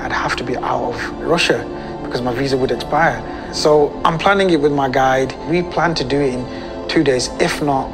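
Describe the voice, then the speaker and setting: A British man, an adventurer, telling his story in a lively, conversational way and speeding up when excited. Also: medium pitch. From United Kingdom. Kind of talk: interview storytelling. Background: background music.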